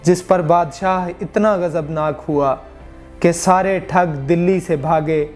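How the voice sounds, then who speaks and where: A man narrating a historical story in measured, formal literary Urdu. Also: a little high, a little mellow, soft background music. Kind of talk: scripted narration of a true crime history.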